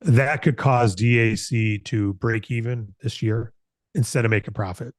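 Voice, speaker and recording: In clean studio sound with no echo, an American man in his late fifties speaks in a mid-range voice, steady in tone and unhurried. He is a company founder hosting a broker announcement meeting, giving an earnest, conversational motivational business talk and repeating phrases for emphasis.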